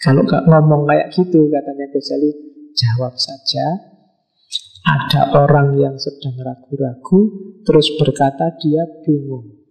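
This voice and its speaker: A man's voice: on the high side, steady tone, unhurried, creaky, a little mellow, poor audio. A middle-aged man giving a casual philosophy lecture, chatting with students and acting out quoted dialogue. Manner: conversational, acts out quoted dialogue.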